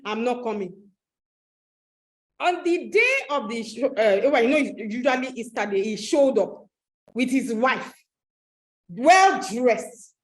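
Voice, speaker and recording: A woman with a Nigerian accent giving a motivational webinar talk, animated, repeating phrases and asking the audience questions. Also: on the high side, poor audio. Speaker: webinar host and coach.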